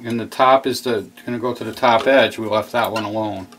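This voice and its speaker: With a fairly low, steady voice and a slightly fast pace, a hobbyist casually walks through a model railroad how-to as he works on his layout in a hobby room. He repeats things while explaining, and background noise is audible.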